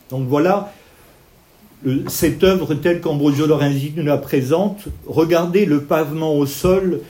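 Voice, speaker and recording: A man gives an evening art history lecture, walking listeners through a painting detail by detail. His voice sits a little high for a man yet sounds mellow and dark in tone. He explains patiently and points at the picture as he talks. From Italian family background.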